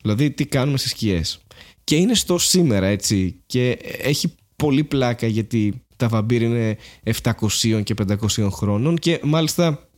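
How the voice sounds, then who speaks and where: Male podcast co-host, mid-pitched, rambling and animated. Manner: rambling, animated, many fillers and restarts. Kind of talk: casual chat.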